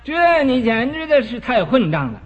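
A man's voice: very high-pitched, very animated, moderate pace, pitched above the performer's own voice, exaggerated voice. A man voicing an angry young son who harshly scolds his old father, heard on a dull lo-fi recording in a reverberant hall. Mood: furious.

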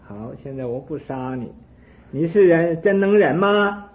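A man voicing a jealous, hot-tempered ancient king who shouts his taunts, heard through a narrow phone-like recording. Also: fairly high pitch, expressive, a little slow, pitched above the performer's own voice. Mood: taunting.

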